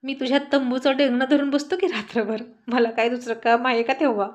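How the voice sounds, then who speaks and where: A woman's voice: high voice, flat delivery, fairly quick, lightly acted. A woman voicing a playful, teasing young husband in a storybook reading, with sulky banter. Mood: sulky joking.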